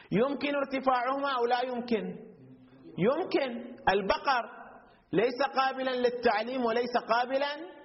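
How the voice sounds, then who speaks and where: High-voiced man lecturing, muffled sound. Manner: explains step by step, asks the class questions and answers them. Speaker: logic teacher. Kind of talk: classroom lecture.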